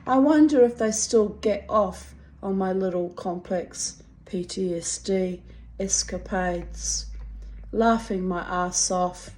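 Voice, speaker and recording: A middle-aged woman with a strong New Zealand accent reads her own personal writing aloud in a wry, deliberate, dramatic way. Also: mid-range voice, steady tone, dark tone, poor audio. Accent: strong New Zealand (Kiwi). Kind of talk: expressive reading of personal confessional prose.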